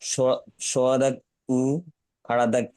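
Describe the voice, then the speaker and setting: A male student in an online class reading a list aloud slowly and carefully. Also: medium pitch, monotone, a little mellow, clean tone, dry recording.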